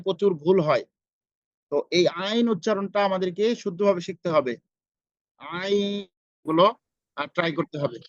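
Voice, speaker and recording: A man with a Bangladeshi Bengali accent teaching Quran pronunciation, saying each letter over and over, slow and patient. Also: high voice, no room sound, dull audio. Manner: slow, repeats each sound several times. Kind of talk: pronunciation lesson.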